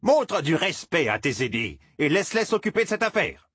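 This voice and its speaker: A cranky old village roofer shouts and scolds, as a man puts him on. His husky, fairly high voice swings wildly up and down, heard close and dry in an audiobook. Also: very animated, normal speed, no echo. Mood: furious. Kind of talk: audiobook character voice.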